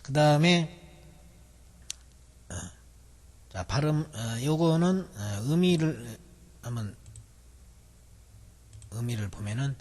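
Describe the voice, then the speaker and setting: A man's voice: mid-range voice, expressive, takes it slowly, long pauses, darkish tone. A male instructor teaching a memory technique in a recorded video lecture, explaining step by step with many fillers. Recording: long hall reverb.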